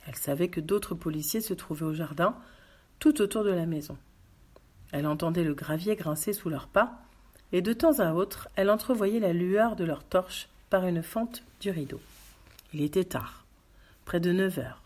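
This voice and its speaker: A woman reading a story aloud with calm, steady narration. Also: lowish voice, slightly rough. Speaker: reader. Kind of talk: audiobook narration.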